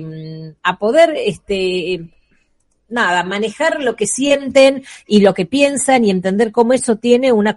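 A woman's voice: medium pitch, dry recording, studio quality. A woman with an Argentine Spanish accent, explaining on a radio show how thoughts shape children's emotions, acting out little voices in her examples. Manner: uses voiced examples and asides. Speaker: guest speaker on parenting and emotions.

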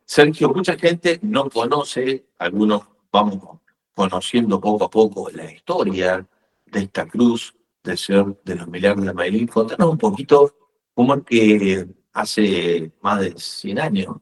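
A man's voice: on the low side, animated, measured pace, rough recording. A man, a reporter interviewing on site and repeating phrases for emphasis.

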